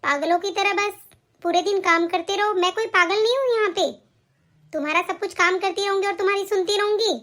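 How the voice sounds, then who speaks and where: A woman's voice: extremely high pitch, steady tone, brisk, a bit bright. Woman voicing a wronged young wife. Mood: aggrieved. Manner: defiant, aggrieved. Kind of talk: animated cartoon voice acting.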